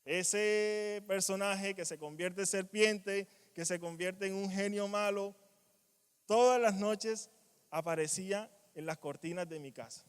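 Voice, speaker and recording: A man preaching a sermon in a church, animated, acting out quoted cries and dropping to quiet asides. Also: high-pitched, unhurried, smooth. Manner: animated, acts out quoted voices, strong swings in loudness. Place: church hall. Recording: long church reverb.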